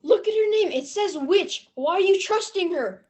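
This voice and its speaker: Woman acting alarmed onlooker, extremely high voice, urgent, scolding, exasperated, comic stage play. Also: animated, moderate pace, a little mellow. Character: exasperated, alarmed onlooker shouting warnings at fools.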